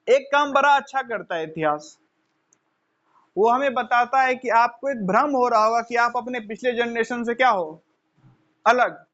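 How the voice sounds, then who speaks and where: High-voiced man lecturing with rhetorical questions. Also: fairly bright tone. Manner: asks rhetorical questions and answers them himself; addresses listeners as children. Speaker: teacher. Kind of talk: motivational classroom lecture. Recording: dull lo-fi recording.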